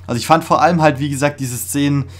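A young man hosting a casual music reaction, talking in an excited, slangy way with many fillers and restarts, recorded in a small room. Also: a little high, fast. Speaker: reaction video host. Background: faint music playing.

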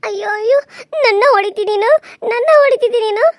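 A woman voicing a fiery, hurt young wife in a cartoon serial, with a North Karnataka accent and shrill, scolding, tearful delivery. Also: quick pace, noisy background. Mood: crying angry. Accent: North Karnataka Kannada. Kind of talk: Kannada cartoon serial voice acting.

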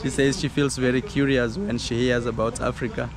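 A man in his thirties with a Kenyan accent, chatting casually for a travel vlog in English and halting non-native Spanish. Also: medium pitch, fairly even intonation, crowd noise. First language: not Spanish; speaks halting, non-native Spanish. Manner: halting, searching for words in Spanish. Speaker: travel vlogger. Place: outdoors at open thatched beach huts. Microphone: handheld action camera at arm's length.

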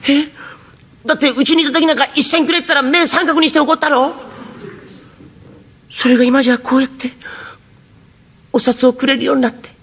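A man's voice: very high-pitched, steady tone, fairly quick, pauses often, fairly bright tone. Man voicing a sweet eager little boy. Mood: innocent eager. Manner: eager, innocent, chatty. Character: earnest poor young boy, sweet and plain. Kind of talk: traditional rakugo storytelling.

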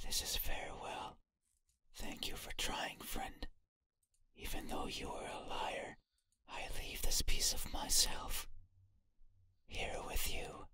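A woman voicing an eerie night spirit that wants a person's eyes, speaking in a slow, cryptic, breathy whisper. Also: sharp tone.

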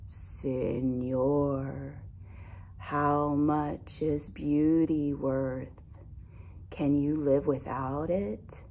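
A woman voicing a calm, lazy female sloth in a storybook, with a deep drawl. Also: drawn-out words, full character voice. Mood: slow, pensive. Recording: clear background noise.

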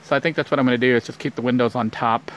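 A man's voice: medium pitch, fairly even intonation, very fast, slight background noise. A man narrating a casual outdoor vlog, rambling and thinking aloud with lots of fillers, recorded on a handheld camera. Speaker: vlogger building a shelter. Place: outdoors in brush.

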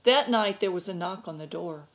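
A woman reading a picture book aloud to an adult learning class, slow and expressive. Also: fairly low pitch.

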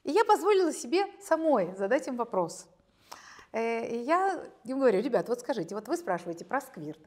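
A woman in her late fifties, a gynecologist explaining medical topics in a measured, academic way, sometimes breaking into lively storytelling, recorded on a lapel mic in a studio. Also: a little high. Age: 50s. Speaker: gynecologist guest expert. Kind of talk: conversational expert explanation. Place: bright studio, seated on chair.

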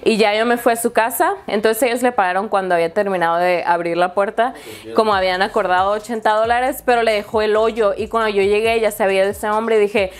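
A woman telling a story casually to her vlog audience, animated and quoting people as she goes. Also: medium pitch, quick pace. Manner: animated, quotes people in lively voices. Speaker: vlogger.

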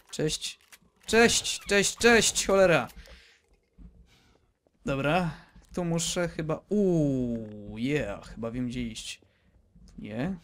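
Rambling and joking as he plays, this let's play gamer exclaims and addresses his viewers as well as the characters on screen. His voice is on the high side with some vocal fry.

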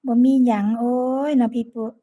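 A chatty woman with a Northeastern Thai Isan accent talks to her live-stream viewers, greeting and thanking each by name. Her voice sits a little high yet sounds mellow and soft. She speaks into a phone. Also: level tone, normal speed. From Sakon Nakhon, Northeast Thailand.

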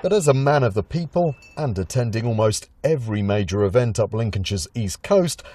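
A man's voice: on the low side, expressive, fairly quick, dark tone, slight background noise. A man reading scripted television news narration as a reporter.

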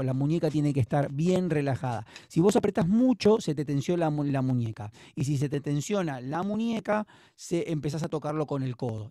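A man's voice: a little high, mellow, no room sound, studio quality. A man teaching drums in an online class, explaining patiently and encouragingly with a Rioplatense Spanish accent over a video call. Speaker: drum teacher.

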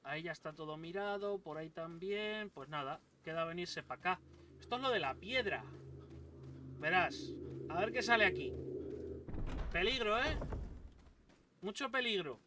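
A man's voice: high voice, moderate pace, long pauses. A young man with a Spain Spanish accent doing let's play commentary, swearing and bursting out as he plays. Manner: swearing, excitable outbursts. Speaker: gaming YouTuber. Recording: distant mic with loud game noise.

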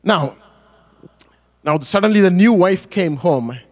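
Middle-aged pastor guy, highish voice, telling a sermon story with lots of feeling, trips and fixes his words. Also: lively intonation, takes it slowly, a little mellow. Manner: emotive, rising and falling in pitch and volume; self-correcting with small restarts.

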